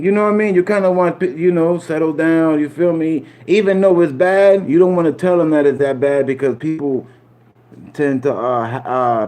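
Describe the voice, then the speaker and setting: His voice sits on the high side with a darkish tone as this man from Puerto Rico streams to his live chat. The talk is casual and rambling, peppered with street slang, repetition, and "you feel me."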